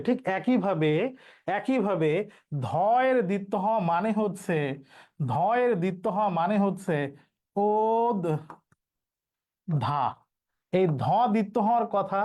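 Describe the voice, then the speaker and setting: A man's voice: high voice, darkish tone. A man. He teaches an exam-prep lesson, walking through each rule patiently. He repeats the key points so that students can follow. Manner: explains step by step, repeats key rules.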